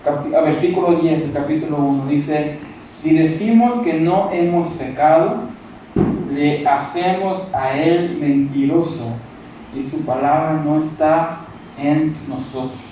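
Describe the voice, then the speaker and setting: A pastor with a Monterrey accent preaches in a loud, forceful voice that sits high for a man. He sounds far from the microphone in a very echoey church hall, with faint noise underneath. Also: measured pace. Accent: northern Mexican (Monterrey). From Monterrey, Mexico. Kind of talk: sermon.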